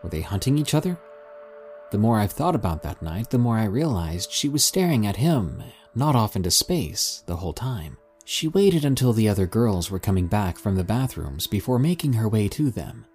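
A man's voice: lowish voice, big pitch swings, moderate pace, a little mellow, faint music behind. A man hosting and reading scripted material in the manner of a storyteller. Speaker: host and narrator of listener-submitted scary stories.

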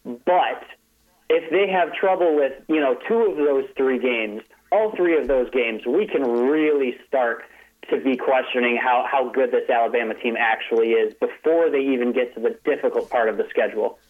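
A man's voice: mid-range voice, normal speed. A man calling in as a sports writer guest, talking casually about college football, often restarting his phrases. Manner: chatty, restarts phrases, light laughs. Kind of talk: casual call-in analysis. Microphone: telephone. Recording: phone line.

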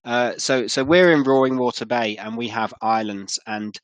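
A man hosting a conversational interview, halting and repeating words as he thinks. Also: medium pitch, no echo.

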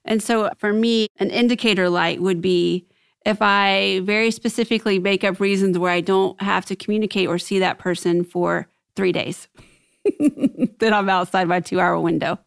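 A woman speaks at an average pitch in a casual, personal conversation. Her manner is candid and self-examining. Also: steady tone, normal speed, gravelly, clear, resonant tone.

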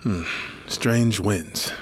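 A man voicing a dutiful middle-aged army general who speaks in a measured, formal way in an audio drama. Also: fairly low pitch, breathy edge, full character voice. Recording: studio audio drama with music.

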